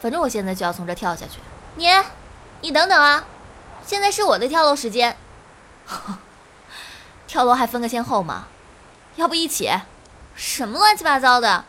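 Comic audio drama: petulant, provoking young woman, played by a woman, high and bright. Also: sing-song, moderate pace, pauses often.

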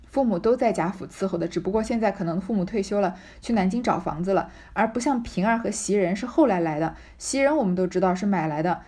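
A woman's voice: mid-range voice, dark tone. A chatty woman explaining a classic novel. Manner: conversational, thinking aloud with fillers. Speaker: literature explainer.

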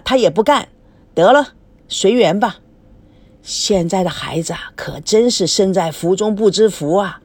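A woman voicing a content, thrifty old grandmother who muses slowly about money and the old days. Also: mid-range voice, darkish tone, breathy edge, no echo.

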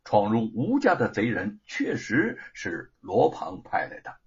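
A male storyteller narrating a traditional oral tale in a dramatic, animated way. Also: medium pitch, measured pace, slightly rough, highs cut off.

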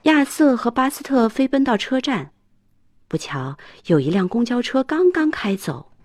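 Animated woman reading a children's story. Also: a little high, normal speed, dry recording, studio quality. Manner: expressive, animated.

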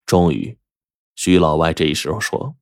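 A man narrating a first-person story for an audiobook in a colloquial, animated way. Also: extremely low pitch, a little slow, vocal fry, no echo, studio quality.

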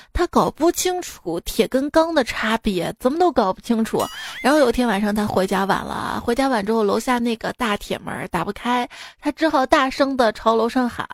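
A woman's voice: fairly high pitch, a little hiss or hum. A woman hosting a radio joke show, telling jokes casually and acting out the quoted lines, often laughing at her own punchlines.

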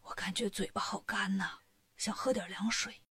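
A woman voicing a sick, weak monk master who speaks in a faint, breathy half-whisper. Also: on the high side, normal speed, a little mellow, close to an everyday voice. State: ill and feverish.

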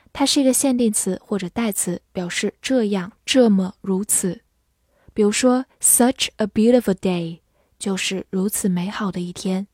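A woman teaching English vocabulary in a slow lesson, spelling words letter by letter and repeating them slowly for learners. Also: mid-range voice, warm tone, no room sound, clean studio sound.

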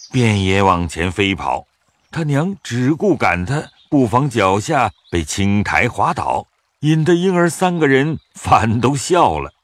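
A narrator telling a classic novel in measured scripted narration, with a husky voice. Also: medium pitch, no room sound. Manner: measured storytelling with lively rise and fall.

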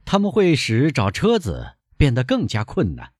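Guy doing a shrewd young gent in a storybook, lifted lively voice, bit husky. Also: medium pitch, normal speed, no room sound, studio quality, voice pushed up. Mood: matter-of-fact. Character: young gentleman, calm, knowing, quick-witted.

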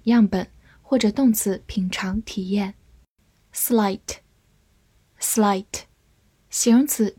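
A woman teaching English vocabulary in a deliberate drill, saying each word twice and then giving its part of speech and meaning. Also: a little high, mellow, husky, no room sound.

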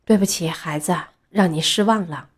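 A woman voicing a wise old male race car doctor in a storybook, calm and fatherly. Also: medium pitch, a little fast, breathy edge.

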